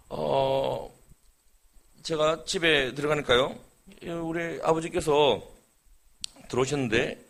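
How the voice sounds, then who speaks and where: A middle-aged man preaching a sermon, telling a personal story and dropping from hushed, quiet lines to loud, emphatic ones. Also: a little high, gravelly. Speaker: pastor.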